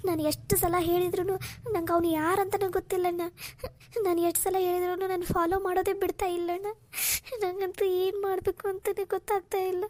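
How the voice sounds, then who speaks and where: A woman voicing a frightened young college student in a cartoon, who talks in a soft, tearful, pleading way to her older brother. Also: very high-pitched, flat delivery, a little fast. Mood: crying. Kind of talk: cartoon voice acting.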